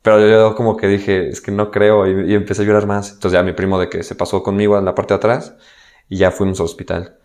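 A man's voice: lowish voice, flat delivery, fast talker, a little mellow. A young man with a Mexican accent telling a personal story in a candid, slangy way, acting out the dialogue he quotes. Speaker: guest.

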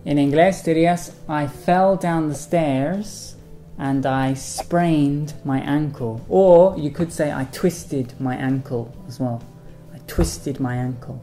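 A man teaching English vocabulary in a bilingual lesson, repeating each model sentence slowly and carefully. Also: a little high, warm tone, faint music behind.

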